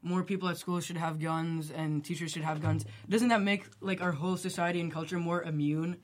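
A man's voice: on the high side, steady tone, a little fast. A teenage man co-hosting a student podcast, chatting casually and filling his speech with "like.". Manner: casual, heavy use of "like".

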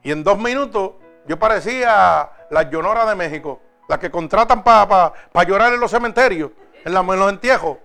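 A man preaching a sermon and giving his own testimony, moving between loud exhortation and hushed storytelling. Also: high voice, lively intonation, moderate pace, vocal fry, faint music behind.

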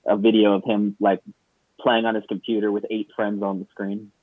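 Low-voiced man over a tinny call line. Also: flat delivery, normal speed, no echo. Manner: rambling, with many restarts and stammered repeats. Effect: low-quality remote call audio. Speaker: podcast co-host. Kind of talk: casual chat. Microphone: remote video call.

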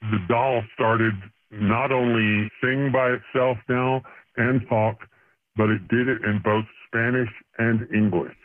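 A man's voice: mid-range voice, steady tone, takes it slowly, no room sound. A man calling in to a radio show, his voice disguised by a voice changer, telling a personal story earnestly with stumbles and restarts. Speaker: caller. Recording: voice-changed phone-line call.

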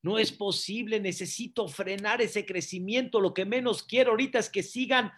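A man's voice: sits high, moderate pace, fairly bright tone, voice pushed up. A man voicing a stern male Pharaoh king, insistent and alarmed.

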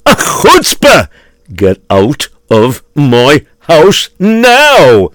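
Excitable miser, played by a man, lively pitch, fussy then explosive. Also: fairly quick, no room sound, clean studio sound, close to an everyday voice. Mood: indignant.

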